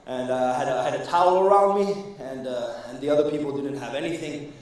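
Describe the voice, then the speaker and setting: Speaking fast in a medium, slightly mellow voice, this man from Iran works a live comedy club audience, rambling through crowd chat with plenty of fillers and false starts. The recording picks him up from a distance in an echoey room.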